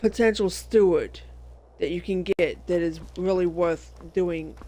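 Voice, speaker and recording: A man's voice: high-pitched, unhurried, dark tone. A man giving casual, rambling let's-play commentary, often stopping to correct himself. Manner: rambling, self-correcting, many fillers. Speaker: gameplay commentator.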